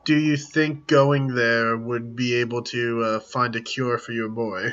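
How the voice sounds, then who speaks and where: Slow, bright-voiced young man on a muffled mic. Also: mid-range voice, flat delivery. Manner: slow, laughs often. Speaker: player. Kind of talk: tabletop game chat. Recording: dull lo-fi mic.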